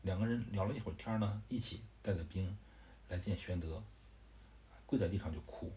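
A man's voice: sits low, brisk, mellow. A man casually retelling a classic historical novel, chatty, with fillers and asides. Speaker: storyteller.

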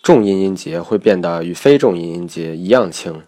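A man narrating a recorded lesson on English pronunciation in a measured, methodical way. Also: low-pitched, animated, warm tone.

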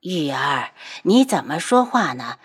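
A woman voicing a scornful, haughty middle-aged noble mother who sneers and shouts in an audiobook. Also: sits low, sing-song, measured pace, slightly rough, heavily acted. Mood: sneering.

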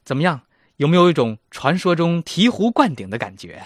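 A man's voice: on the high side, big pitch swings, brisk. A man in his thirties hosting a casual language lesson, chatty and self-mocking. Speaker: German language teacher and host.

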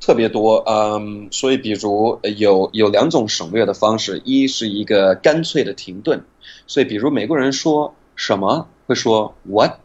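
Husky low-voiced man, patient teacher explaining pronunciation, dull lo-fi recording. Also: a little mellow. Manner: patient, demonstrates sounds slowly.

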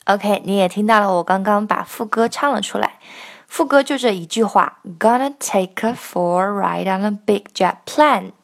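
A woman teaching the pronunciation of a song line by line, explaining patiently and singing phrases slowly to demonstrate. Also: mid-range voice, vocal fry.

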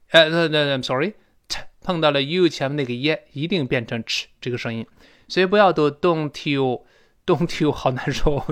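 A man's voice: on the high side, a bit bright. A male English teacher explaining pronunciation in a recorded lesson, chatty, correcting himself and drawing out sounds to demonstrate.

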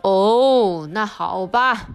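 A woman reading a storybook aloud, voicing a boastful male lion in a lowered, drawn-out voice. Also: faint music behind.

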